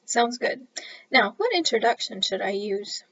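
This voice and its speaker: Woman author reading her story aloud, playful; gravelly voice, dull lo-fi, dry sound. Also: on the high side, lively intonation, measured pace, a bit bright, no room sound. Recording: dull lo-fi recording.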